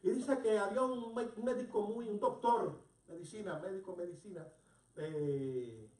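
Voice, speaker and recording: Animated preacher in a roomy church. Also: medium pitch, moderate pace. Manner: animated, storytelling, asks the congregation questions. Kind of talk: sermon. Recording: roomy hall, distant mic.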